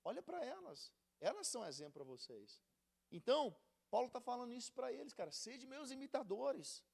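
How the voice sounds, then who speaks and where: A man's voice: extremely high pitch, fairly quick, gravelly. A man from Brazil with a Brazilian Portuguese accent, teaching a casual, slangy Bible study as a youth pastor. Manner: slangy and conversational, animated, calls listeners buddy.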